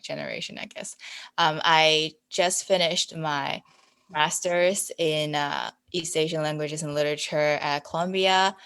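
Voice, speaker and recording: A woman in her twenties, guesting on a podcast, chats casually with an informal, self-deprecating manner. Her voice sits low with a slightly bright, clean tone.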